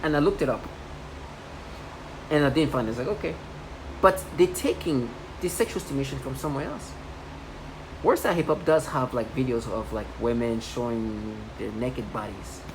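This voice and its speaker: A woman in her thirties delivers a rambling personal monologue at a normal speed, her voice extremely low in pitch. She sounds agitated and repetitive, restarting many times. It's a noisy home recording.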